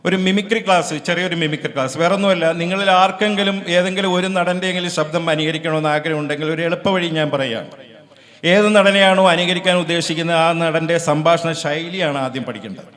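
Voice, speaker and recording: Male mimicry artist on stage, explanatory host patter, slightly high voice, echoey hall. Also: quick pace, a bit bright. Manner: explanatory, introducing each impression. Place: community gathering stage.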